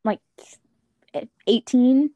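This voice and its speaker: A young woman telling friends an animated story in casual chat, swearing and acting out quotes. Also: a little high, drawn-out words, dry recording.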